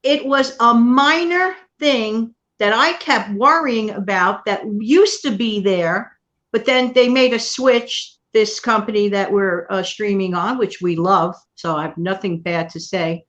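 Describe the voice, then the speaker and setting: A woman from New York City hosting a casual livestream chat, talking warmly and at length to her viewers and co-host. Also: medium pitch, a little slow. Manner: chatty, warm thanks to viewers and co-host. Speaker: channel host.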